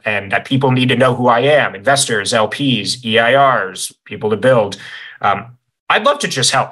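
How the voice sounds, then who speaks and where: A man's voice: mid-range voice, poor audio. A man hosting an online conference over a video call, talking energetically with lots of "like"s, a little out of breath. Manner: energetic, filler-heavy with many "like"s. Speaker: conference host. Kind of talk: casual conference talk.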